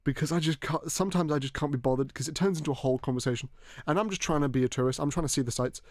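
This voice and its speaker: A young man from Hong Kong hosting a casual podcast chat, telling animated stories and acting out the people he quotes. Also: a little high, racing, no echo, clean studio sound. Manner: animated storyteller, acts out quoted voices. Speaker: podcast host.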